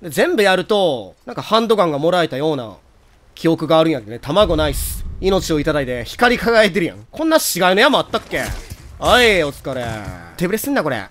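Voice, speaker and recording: A young man with a Kansai accent talks fast through a game he is playing, cracking jokes and yelping in surprise. His voice is high and bright, and it swoops up and down a lot. A faint hum of room noise sits behind the close mic. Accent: Kansai Japanese. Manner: excitable, loud outbursts and joking asides. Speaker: gameplay commentator. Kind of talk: casual game commentary.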